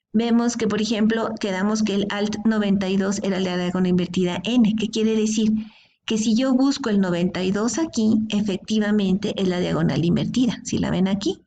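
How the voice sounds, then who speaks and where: A woman's voice: medium pitch, moderate pace, dark tone. Woman teaching code step by step. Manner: explanatory, checks in with frequent "¿sí?" and "¿de acuerdo?". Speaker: programming teacher. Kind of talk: screen-recorded coding lesson.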